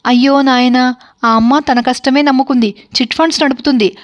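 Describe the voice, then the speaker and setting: A woman's voice: sits high, steady tone, brisk, lightly acted. A woman voicing a simple, kindly older village woman who chatters innocently, in a spoken story. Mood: chattering.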